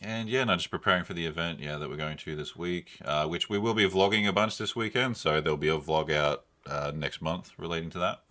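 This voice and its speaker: A young man co-hosts a podcast, reviewing films and games casually and unscripted, rambling in a slangy way. His voice is deep and sharp, a little fast, with hardly any pauses.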